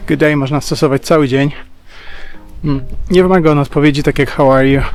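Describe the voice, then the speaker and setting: A man's voice: a little high, fairly even intonation, a little fast, a little mellow, faint music behind. A man talking casually in a travel vlog, chatty and explanatory, recorded outdoors at a campsite. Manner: chatty and explanatory, with thinking-aloud fillers. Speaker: travel vlogger.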